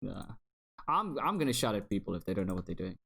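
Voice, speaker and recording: Young male co-host, casual and rambling, stumbles over repeated words, quick to laugh. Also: fairly low pitch, sing-song, creaky, crowd noise. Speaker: podcast co-host. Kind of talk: casual chat.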